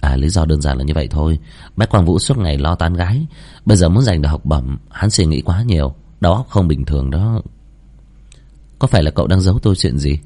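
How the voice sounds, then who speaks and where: A man voicing a calm, scheming young man who speaks low and composed in an audio story. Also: fairly quick. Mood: evasive.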